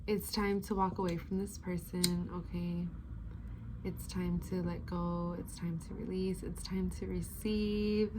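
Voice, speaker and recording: A woman's voice: on the low side, level tone, measured pace, noisy background. A woman giving a casual, chatty spiritual reading in a laid-back, slangy stoner manner, rambling and drawing out words. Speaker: tarot-style spiritual advice reader.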